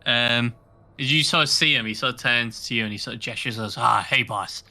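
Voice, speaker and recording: Bright-voiced man running a tabletop game. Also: mid-range voice. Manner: playful, quick swings into excited character voices. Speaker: game master. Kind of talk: narrating and voicing characters in a tabletop game.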